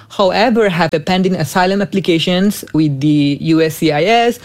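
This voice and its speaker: A young man from Myanmar answering interview questions earnestly, with halting phrasing and a pleading tone. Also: sits high. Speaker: interview guest, student.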